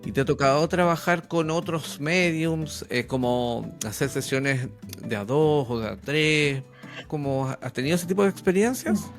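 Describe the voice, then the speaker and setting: A man hosting an interview, asking relaxed questions and affirming his guest. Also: fairly high pitch, moderate pace, soft background music. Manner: relaxed, affirming with short replies. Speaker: podcast host. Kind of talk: conversational interview.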